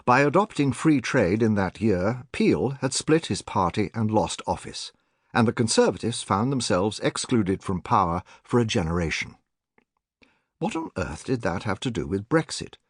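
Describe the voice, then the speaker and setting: A man reading a nonfiction audiobook in a measured, clearly articulated way, recorded on a close studio microphone. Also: on the low side, no room sound. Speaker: audiobook narrator.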